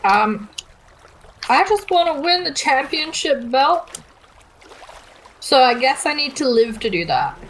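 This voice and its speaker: A woman's voice: high voice, lively intonation, unhurried, slight background noise, low-quality recording. A woman playing a tabletop game, speaking in a playful, eager way. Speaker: player.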